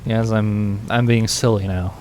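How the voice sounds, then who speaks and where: A man's voice: fairly low pitch, steady tone, unhurried, a little mellow, a little hiss or hum. A man giving casual let's-play commentary while streaming a game, rambling and joking with lots of "like" fillers. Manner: rambling and joking, heavy use of "like". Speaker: gaming streamer.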